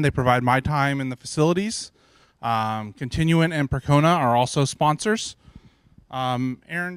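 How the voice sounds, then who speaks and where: A man opens a meetup with casual, relaxed announcements, pausing on frequent ums. His voice is smooth and clear, and the sound is close and dry. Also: medium pitch, no room sound. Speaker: meetup organizer introducing the speaker. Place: meetup room.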